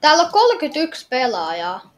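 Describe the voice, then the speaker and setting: A woman plays through a story game, improvising casual role-play commentary in a hesitant way, musing aloud and asking questions. Her voice is high-pitched, with pitch that swoops wildly.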